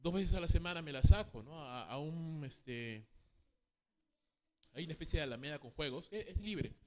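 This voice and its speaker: A man's voice: on the high side, animated, moderate pace, darkish tone, slight background noise. A man teaching a Bible counseling class, tagging sentences with a questioning "no?", repeating key phrases and acting out quoted parents and children. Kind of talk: church class lecture.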